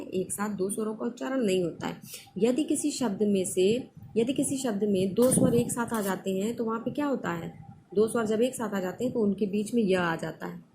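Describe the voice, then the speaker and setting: A woman's voice: mid-range voice, a little mellow, a little hiss or hum. A woman teaching a grammar lesson, explaining patiently, repeating terms and checking in with short questions. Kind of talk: classroom lesson.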